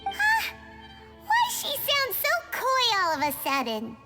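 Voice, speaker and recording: A tiny floating fairy girl from a video game, in a very high, squeaky voice that bounces wildly up and down. She speaks slowly and refers to herself by name, with soft game music behind her. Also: huge pitch swings, heavily acted. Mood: curious. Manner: refers to herself in third person.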